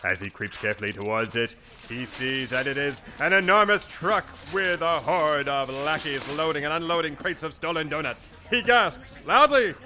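A man's voice: on the high side, normal speed, pushed and bright, slight background noise. A man narrating a comedy audio drama in a scripted, theatrical and wry storytelling manner.

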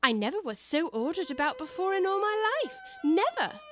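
A woman's voice: very high voice, sing-song, normal speed, fairly bright tone, soft background music, voice pushed up, exaggerated voice. A woman voicing a polite, curious young girl who speaks earnestly.

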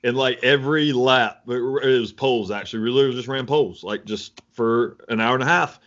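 A man's voice: medium pitch, brisk, fairly bright tone. A young man co-hosting a podcast, rambling casually with lots of fillers. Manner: rambling, many "like"s, laughs easily. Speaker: podcast co-host, coach. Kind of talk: casual chat. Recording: dull lo-fi audio.

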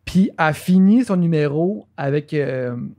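A man's voice: a little high, moderate pace. A man with a Quebec French accent hosting a podcast, talking casually and animatedly, saying "tu sais" again and again. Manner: animated, repeats tu sais a lot. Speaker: podcast host. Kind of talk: casual chat.

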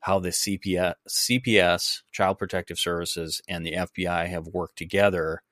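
A man with a very deep voice hosts a podcast interview. He asks his questions in a measured, unhurried way, and the sound is dry and close with no room echo. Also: steady tone, a bit bright. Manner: measured, brief affirmations. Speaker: podcast host.

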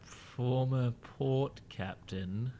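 A man's voice: mid-range voice, drawn-out words, heavy background noise. A young Australian man chatting and bantering casually as a sports podcast co-host.

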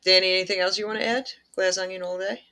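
A man hosting a podcast, laid-back and quick to laugh. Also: sits high, steady tone, sharp tone. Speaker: podcast host. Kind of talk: casual chat.

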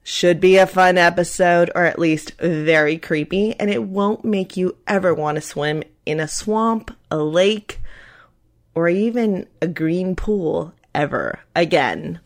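Playful woman podcast host, slow-paced. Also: fairly low pitch. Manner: playful, enthusiastic, expressive. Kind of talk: podcast hosting, intro and casual interview chat.

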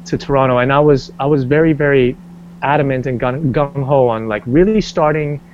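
This male actor, an interview guest known for stage and screen work, speaks fairly quickly in a slightly mellow bass singing voice. His casual talk rambles, heavy with fillers and frequent restarts. The line sounds dull and lo-fi, with slight background noise.

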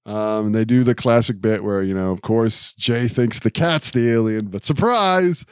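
A man's voice: on the low side, normal speed, darkish tone, smooth, dry recording, clean studio sound. Male podcast host recapping with trivia. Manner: recaps the plot and drops trivia. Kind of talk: casual chat.

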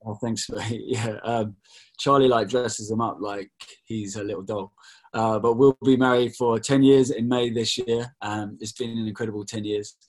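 British pastor in his thirties, relaxed and jokey, video call. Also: lowish voice, moderate pace, rough recording. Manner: relaxed, jokey, keeps saying mate. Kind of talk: casual video call interview.

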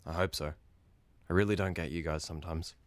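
An actor playing a soft-spoken young man whose hesitant affection turns obsessive and frantic. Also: low voice, fairly even intonation, brisk, dry recording, natural voice. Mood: gentle. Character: lovesick young man turning obsessive and violent. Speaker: actor in an audio drama.

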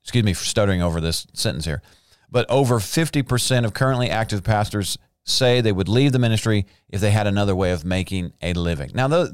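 A man's voice: lowish voice, smooth, no room sound, clean studio sound. A man giving a casual devotional talk, speaking earnestly and conversationally as he reads out statistics.

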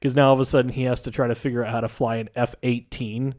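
A man chats casually in a middle-pitched voice as he walks through a movie scene by scene. He tells it with animation and slips in little acted lines of dialogue. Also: fast talker. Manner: animated storyteller, acts out characters' lines. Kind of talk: casual chat retelling a movie.

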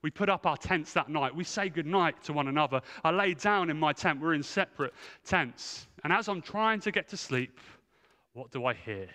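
A man's voice: fairly high pitch, expressive, normal speed, bright, forceful tone. A man preaching a sermon, telling a humorous, self-mocking story from the church stage. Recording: long reverb of a large hall.

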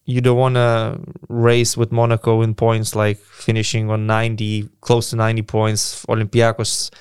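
A man's voice: on the low side, monotone, moderate pace, a little mellow, clean tone, no room sound, clean studio sound. A man co-hosting a basketball podcast, giving emphatic opinions in casual discussion and often repeating his point.

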